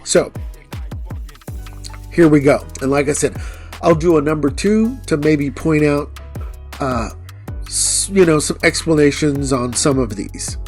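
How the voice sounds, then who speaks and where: A man in a casual monologue who rambles a little and reads a long list quickly, slightly out of breath. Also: a little high, animated, a little mellow, faint music behind. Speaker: vlogger.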